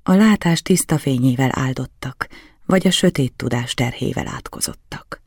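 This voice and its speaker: A man's voice: medium pitch, a little mellow, no echo, close to an everyday voice. Earnest young boy, grave, precocious, lifted voice a man doing it, dry close audiobook. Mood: solemn. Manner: earnest, solemn, oddly old-sounding. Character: grave, precocious ten-year-old boy. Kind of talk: audiobook character reading.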